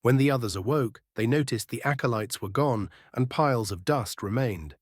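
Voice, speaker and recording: Male storyteller, mid-pitched voice, scripted fantasy narration, very dry recording. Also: normal speed, dry recording.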